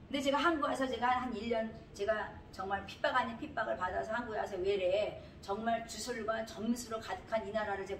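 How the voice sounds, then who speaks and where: A woman's voice: fairly high pitch, recorded from a distance, a little hiss or hum. A middle-aged woman pastor and missionary preaching an informal sermon, telling personal stories with emphatic exclamations. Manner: emphatic, animated storytelling with exclamations. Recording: echoey room, voice off-mic.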